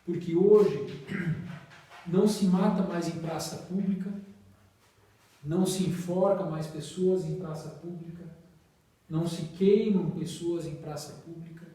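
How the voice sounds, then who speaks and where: A man with a Brazilian Portuguese accent gives a slow, measured spiritist talk, his phrase ends fading away. His voice sits fairly high for a man, yet sounds dark and mellow. He is heard from across a strongly echoing room. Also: recorded from a distance. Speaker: spiritist study leader.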